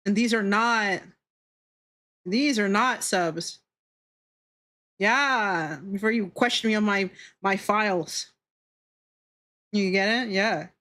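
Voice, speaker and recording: A woman streamer speaks slowly with frequent pauses, her medium-pitched voice a little bright. She draws on her VTuber livestream, chatting playfully, teasing viewers, giggling, and swearing freely.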